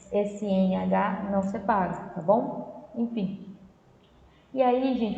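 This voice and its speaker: A woman's voice: mid-range voice, creaky, a little mellow. A Brazilian woman teacher giving a lesson, explaining patiently and often checking in with her students. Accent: Brazilian Portuguese. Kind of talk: remote class lesson. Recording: echoey room, dull lo-fi audio, faint noise.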